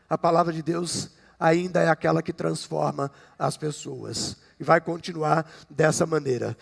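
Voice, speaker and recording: His voice is high and creaky as this Brazilian pastor in his fifties delivers a chatty sermon in a church sanctuary. He jokes with the congregation and checks in often with "né?", and the recording carries long hall reverb.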